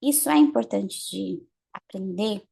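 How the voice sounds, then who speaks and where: A woman teaching English pronunciation, explaining in Portuguese and repeating English example phrases slowly for students. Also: mid-range voice, animated, vocal fry, mellow, husky. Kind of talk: online lesson, mixing Portuguese and English.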